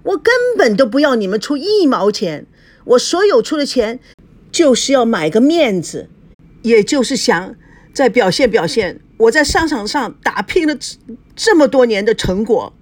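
A woman's voice: fairly high pitch, sing-song, normal speed, a little mellow, voice pushed up. A woman doing a hurt, proud businessman father. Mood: aggrieved. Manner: pleading, voice near to sobbing.

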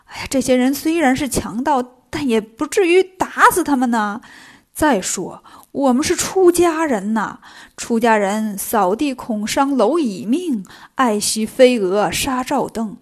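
A woman's voice: high voice, expressive, measured pace, a little mellow. A woman voicing a timid, nagging male monk in a children's story, fretting and scolding at length. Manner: fretful, scolding, long-winded.

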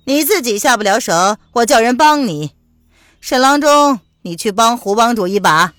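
A woman's voice: medium pitch, very animated, measured pace, no echo, clean studio sound. A woman voicing a haughty fairy envoy, a man in disguise, who sneers and gives orders. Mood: impatient. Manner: scornful, commanding, sneering.

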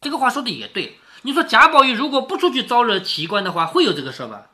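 A middle-aged man reads a classic story aloud at home, breaking off to explain it in plain talk. His pitch swings widely as he asks rhetorical questions, and his tone is bright and forward. He sounds close to the mic. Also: very animated, quick pace. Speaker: storyteller reading a classic novel to his daughter. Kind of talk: casual read-aloud with commentary.

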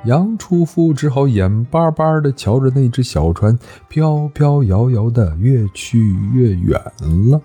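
A man's voice: medium pitch, animated, measured pace, hardly any pauses, warm tone, husky, soft background music. A man telling an ancient history story, narrating with animation and voicing every character.

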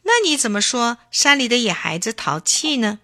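A woman voicing a kind, patient grandmother who gently explains things to a child in a storybook reading. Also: a little high, very animated, moderate pace, dry recording, studio quality, heavily acted. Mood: gently explaining.

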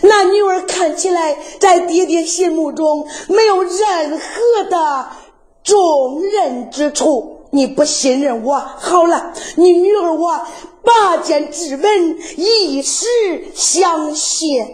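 A woman's voice: extremely high pitch, slow pace, darkish tone. A woman doing a tearful young warrior daughter. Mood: pleading. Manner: tearful pleading.

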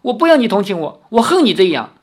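A man raising his voice into a proud teenage swordswoman from a storybook, quick to bristle and snap. The voice is pitched high and leaps around restlessly, sharp and quarrelsome. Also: big pitch swings, breathy edge. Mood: tearful, indignant.

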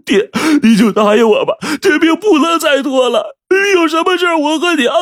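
A man voicing a desperate teenage son who pleads and cries in a strained, shouting voice. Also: on the low side, expressive, brisk, breathy edge, no echo, studio quality. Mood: pleading. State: crying.

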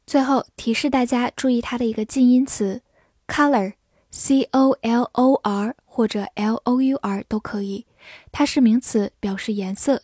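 Lady english teacher, slow and patient, spells stuff out, kinda high voice, dry close sound. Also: darkish tone, no echo. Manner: patient, spells letters out and repeats slowly. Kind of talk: vocabulary lesson, spelling and slow read-alouds.

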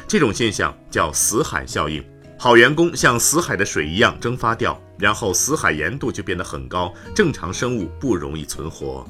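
A man reads a scripted morning news bulletin in a formal, forward voice with crisp, bright edge. His lowish pitch swings in animated contours from phrase to phrase. Light music plays behind him. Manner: formal newsreader delivery. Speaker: news podcast host. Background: background music.

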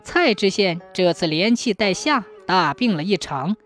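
A woman narrating a folk tale in a lively, expressive storytelling manner. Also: medium pitch, measured pace, faint music behind.

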